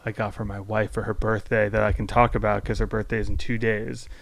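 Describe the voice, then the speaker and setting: Male podcast host, medium pitch with gravel, playful teasing interviewer. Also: flat delivery, brisk. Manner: joking, teasing, swears casually. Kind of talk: casual interview chat.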